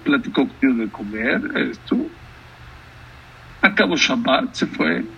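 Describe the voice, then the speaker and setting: A man's voice: medium pitch, animated, slow pace, gravelly, pushed and bright, recorded from a distance, lo-fi sound, slight background noise. A man giving a sermon as a rabbi, telling a story and asking his listeners questions. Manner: storytelling, asks the audience questions.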